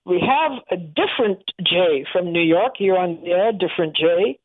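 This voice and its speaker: A woman with a smooth, even radio host manner fields callers on a call-in talk show. Her voice is dry and close, with no room around it. The sound is squeezed into a thin, phone-like band. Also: fairly low pitch, normal speed, dry recording.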